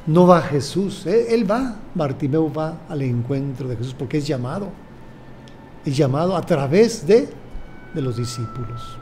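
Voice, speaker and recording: An older man, a bishop with a Mexican Spanish accent, preaching a sermon in a slow, measured way and repeating his phrases. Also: on the high side, animated, a little mellow, slight background noise.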